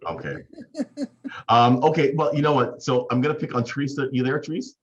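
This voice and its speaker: A man's voice: medium pitch, fairly even intonation, brisk, highs cut off. A man hosting a casual business video call, playful and teasing, laughing often. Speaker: host.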